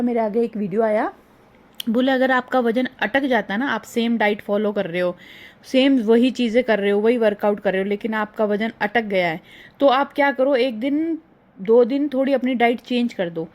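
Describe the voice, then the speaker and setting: Chatty hoarse homemaker vlogging. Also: female voice, on the high side, moderate pace, a little mellow. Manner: chatty, rambling, homely. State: slightly hoarse. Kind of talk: casual vlog voice-over. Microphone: phone.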